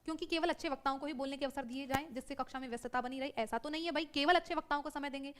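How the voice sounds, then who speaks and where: A woman teaching a live online exam-prep class, brisk and self-correcting, who keeps checking in with her students. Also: high voice, a bit bright.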